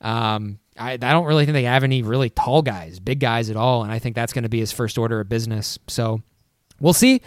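A man co-hosting a casual sports podcast, halting with many restarts. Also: mid-range voice, dry recording, clean studio sound. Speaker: podcast co-host.

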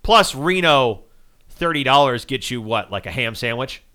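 A man co-hosting a sports podcast, talking in an animated, teasing, wry way. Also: mid-range voice, normal speed, clean tone. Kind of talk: casual sports chat.

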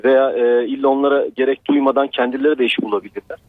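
A man talks into a radio show over a landline, his voice narrowed to a tinny, dry phone sound. He is mid-pitched and halting, pausing often as he searches for his words. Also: fairly even intonation, no room sound. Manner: hesitant, halting, full of pauses. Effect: landline telephone line. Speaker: radio call-in caller. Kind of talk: call-in opinion.

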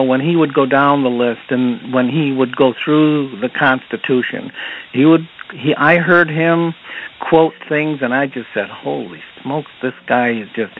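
A man's voice: mid-range voice, fairly even intonation, unhurried, a little hiss or hum. A man as a podcast guest, telling anecdotes and retelling dialogue with many "he said"s. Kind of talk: storytelling anecdotes. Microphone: phone. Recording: tinny phone line.

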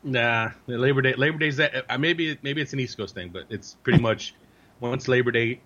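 A man co-hosts a sports podcast over a dull, lo-fi connection. His voice is medium in pitch. He comments in a casual, teasing way and repeats phrases as he works toward a point. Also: moderate pace, bright, forceful tone. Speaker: sports podcast co-host and soccer analyst.

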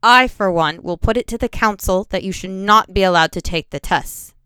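A man's voice: high-pitched, normal speed, pushed and bright, clean tone, no echo. Woman doing a stern old mage master. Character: stern older male mage master, fed up.

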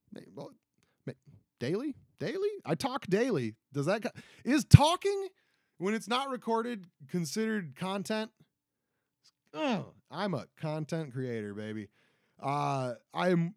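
A young man rambles through a casual solo podcast, joking at his own expense and stumbling over restarts. His voice sits at an ordinary middle pitch. The sound is dry and close, with no room around it. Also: a little mellow, no room sound. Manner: rambling, self-deprecating, lots of fillers and restarts. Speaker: podcast host.

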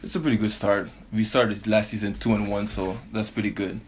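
A man who grew up in Belgium and Canada, a professional basketball player speaking as a podcast guest in a relaxed way, laughing easily. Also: fairly low pitch, fairly quick, a little hiss or hum. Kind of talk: casual interview.

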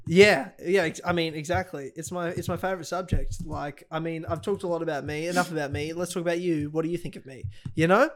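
Animated Australian man hosting a podcast. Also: on the high side, quick pace, few pauses. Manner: animated, self-mocking, jumps to loud joking outbursts. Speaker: podcast co-host. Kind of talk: casual banter podcast.

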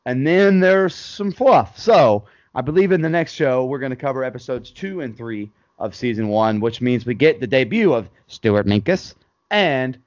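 A man co-hosting a casual podcast chat about a sitcom episode, relaxed and laughing often, calling his friend "man" and "dude". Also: mid-range voice, normal speed, dry recording, lo-fi sound. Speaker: podcast co-host.

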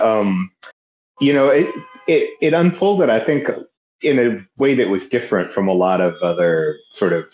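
A man's voice: sits low, a little mellow. A man in a casual book discussion as a podcast panelist, hesitant and searching for words. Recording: echoey room.

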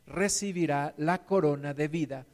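High-voiced preacher in a hall. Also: male voice, moderate pace, a little mellow. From Mexico. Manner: earnest, repeats words, acts out quotes. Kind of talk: sermon with Bible reading. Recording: long hall reverb.

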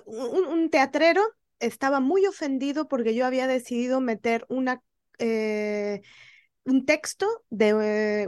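A woman, a guest telling stories passionately and emphatically, often pausing with hesitations. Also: on the high side, dry recording, clean studio sound. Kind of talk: conversational storytelling.

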